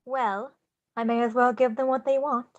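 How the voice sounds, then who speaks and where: A woman playing an excitable, theatrical showman in a musical script read, with declamatory, singsong phrasing. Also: fairly high pitch, normal speed, lo-fi sound, lightly acted. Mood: exasperated. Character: Jack, theatrical, excitable showman leader of Halloween Land.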